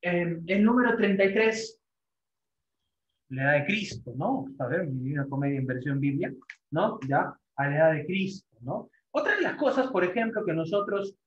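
Male teacher, slightly high voice, lecturing a class; repeats himself, rhetorical tags, lots of fillers; roomy, muffled lo-fi recording. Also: lively intonation, moderate pace, a little hiss or hum. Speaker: literature teacher. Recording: echoey classroom, dull lo-fi sound.

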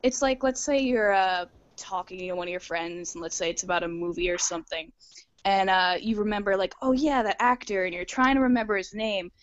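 A young woman of eighteen talks in a loose, rambling way, poking fun at herself. Her voice sits at an ordinary pitch. The sound comes through a dull, lo-fi video call. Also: fairly quick, no room sound. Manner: chatty, rambling, self-deprecating. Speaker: guest artist. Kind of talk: casual chat on a video call.

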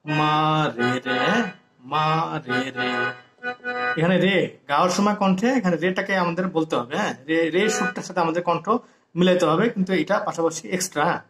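This harmonium teacher has a high voice with fairly even intonation and a rapid-fire delivery, with music in the background. His step-by-step lesson, recorded in an echoey room as he plays, patiently covers the notation while he sings note names.

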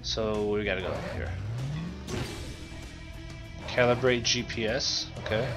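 A man's voice: on the low side, fairly even intonation, takes it slowly. A man giving laid-back, rambling casual commentary as he plays a video game. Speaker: let's play commentator. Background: game music and sounds.

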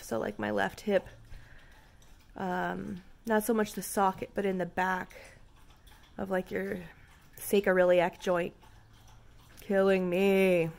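A young woman talks straight to her viewers in a loose, rambling way, full of "like" and "um". Her voice sits a little low for a woman, and she shares things openly and candidly. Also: gravelly. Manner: rambling, candid, frequent fillers. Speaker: vlogger talking to viewers. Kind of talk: casual chat to camera.

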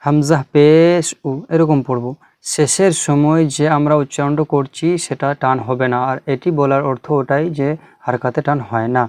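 A man teaching Quran reading, spelling out Arabic letters and vowel marks slowly one by one, then explaining the rules quickly. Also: mid-range voice, flat delivery, no room sound.

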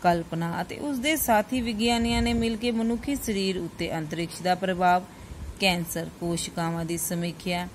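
Female teacher, lower register, reading a lesson aloud in a measured way; light background hiss. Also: poor audio. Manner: steady, careful reading with small self-corrections. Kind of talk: reading a textbook chapter aloud.

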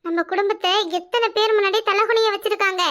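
A woman's voice: extremely high pitch, fairly even intonation, quick pace, sharp tone. A woman voicing a secretive, vengeful young village daughter in a cartoon, with a Kanyakumari Tamil accent and a pleading, resentful manner. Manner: pleading, then cold and resentful. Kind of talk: cartoon voice acting.

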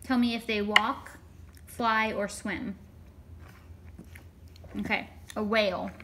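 A woman patiently coaxing a small child at home, asking simple questions in a gentle, sing-song way and prompting the child to repeat words after her. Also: medium pitch, steady tone, slow, background noise. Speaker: caregiver teaching a toddler. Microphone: hidden camera.

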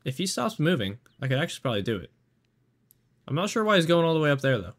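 Excitable man commenting on gameplay. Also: fairly high pitch, fast talker. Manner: excitable, talks to himself while aiming. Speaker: gaming channel host.

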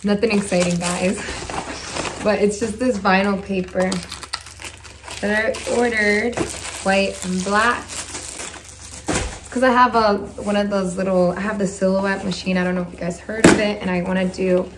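Casual home vlogger, woman, mid-pitched and chatty, recorded as a phone video. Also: moderate pace, pauses often, noisy background. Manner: chatty, excited, addresses viewers as guys. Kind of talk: casual vlog talk to viewers. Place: at home indoors. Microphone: phone camera.

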